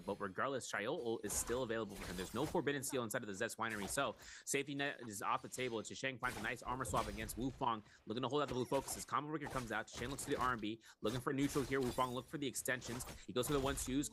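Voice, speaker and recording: Brief: male esports play-by-play caster, quick delivery, constant background noise. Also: mid-range voice, sharp tone. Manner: rapid, rattling off player moves. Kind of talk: play-by-play commentary.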